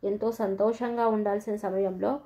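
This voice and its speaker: A man's voice: high-pitched, level tone, moderate pace, dark tone. A woman voicing a loving, hot-tempered young husband who pleads emotionally with his wife. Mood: pleading. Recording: dull lo-fi recording.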